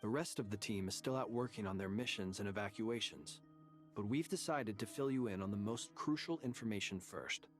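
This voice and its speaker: A man's voice: fairly low pitch, fairly quick, faint music behind, natural voice. A man voicing a serious team member. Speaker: game character.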